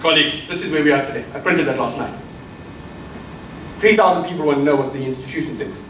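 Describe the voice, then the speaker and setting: This middle-aged South African man speaks fast in a fairly bright, high-leaning voice, delivering an emphatic keynote lecture that addresses listeners as colleagues. Recorded in a lecture hall by a far mic, it has roomy echo, faint ambience, and a touch of hiss or hum.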